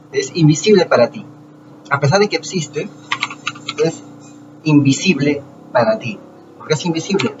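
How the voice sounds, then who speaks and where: A man talking to his viewers in a casual lecture, explaining slowly with rhetorical questions and frequent restarts. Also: a little high. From Peru. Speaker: channel host. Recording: distant lo-fi mic with noise.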